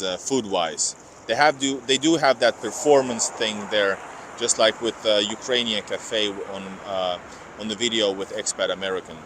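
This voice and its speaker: A Finnish man with a slight Finnish accent, whose first language is Finnish or Russian, is a vlogger livestreaming a walking tour through outdoor city streets. His voice is lowish and fairly bright; he rambles, corrects himself, and reads out viewer comments over noisy street traffic.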